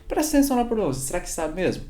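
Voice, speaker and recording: A man's voice: high voice, very animated, rapid-fire, darkish tone. A young man giving a casual online English lesson, upbeat and drilling numbers for the viewer to repeat. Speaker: English teacher. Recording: echoey room with faint music.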